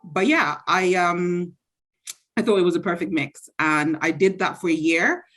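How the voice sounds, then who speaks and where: Low-voiced woman from Zambia, chatty. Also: a little slow, fairly bright tone, soft background music. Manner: chatty, self-assured, reflective. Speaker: interviewee, university graduate. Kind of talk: casual interview answers.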